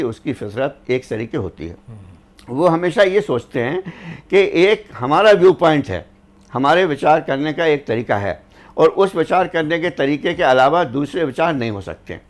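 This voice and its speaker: This is a man on a studio news panel, talking in a measured and reflective way. He weaves couplets and old sayings into his points. His voice sits a little higher than most men's. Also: expressive. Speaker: panelist, former government officer.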